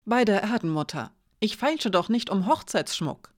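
Galima, a sharp shrewd merchant woman, as a reader puts her on. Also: mid-range voice, sing-song, moderate pace, dry recording, studio quality, close to an everyday voice. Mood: solemn. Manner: curt, sharp, then softly solemn. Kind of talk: audiobook character reading.

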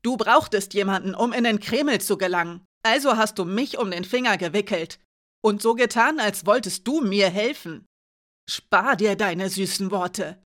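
A woman voicing a young female soldier held captive, speaking in a sharp, accusing, bitter way. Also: medium pitch, moderate pace, natural voice. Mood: angry.

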